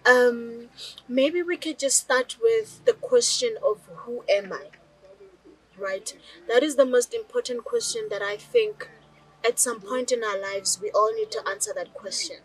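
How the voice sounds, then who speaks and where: South African woman, young adult, high voice, chatty, keeps asking the viewer questions, personal vlog to camera. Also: a little slow, low-quality recording. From rural South Africa. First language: Northern Sotho (Lobedu). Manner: chatty, addresses viewers directly with rhetorical questions. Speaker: storyteller.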